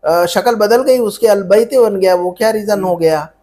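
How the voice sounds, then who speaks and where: A man's voice: high-pitched, moderate pace, dark tone. A man teaching Arabic grammar online, patiently repeating each rule and quizzing his students. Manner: mixes Hindi-Urdu with Arabic terms.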